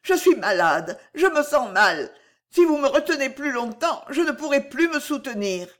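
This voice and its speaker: A woman voicing a distressed young lady who is proud and wounded, speaking high and pleading. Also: very animated, moderate pace, a bit bright. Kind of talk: audiobook reading.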